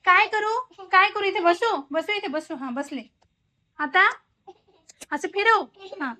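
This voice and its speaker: A woman's voice: extremely high pitch, expressive, slow, bright, forceful tone. A mother chatting casually at home in her kitchen for a vlog, coaxing and playing with her toddler in a playful sing-song way.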